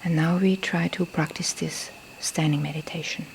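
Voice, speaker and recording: At a temple in Thailand, a woman who isn't a native English speaker leads a guided meditation as a teacher, her low voice soft, breathy, and often near a whisper. She speaks in gentle, deliberate short phrases with pauses, with fairly even intonation and vocal fry. The live field recording has poor audio and faint background noise.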